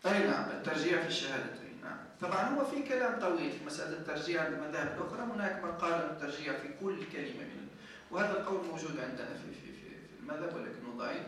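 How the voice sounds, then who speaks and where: Sheikh teaching a class, high-ish voice, keeps asking if they get it, big echo, far from mic. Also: male voice, lively intonation, very fast, a bit bright, a little hiss or hum. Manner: explains step by step, checks understanding with "clear?". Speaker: sheikh teaching Maliki jurisprudence. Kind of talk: classroom lesson with questions. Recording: echoey room, mic at a distance.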